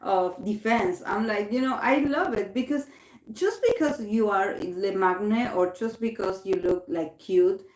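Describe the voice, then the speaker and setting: A measured pace and darkish tone mark this mid-range female voice. The speaker, an Argentine tarot reader and native Spanish speaker, chats in English while hosting a livestream, reading out comments and restarting a lot amid an echoey room.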